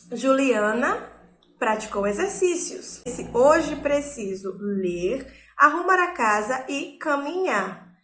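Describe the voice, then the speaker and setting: A woman's voice: fairly high pitch, roomy sound. A woman teacher with a Brazilian Portuguese accent gives a primary school lesson, talking expressively and asking rhetorical questions. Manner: expressive, emphatic, asks rhetorical questions, often adds "né?". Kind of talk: recorded classroom lesson.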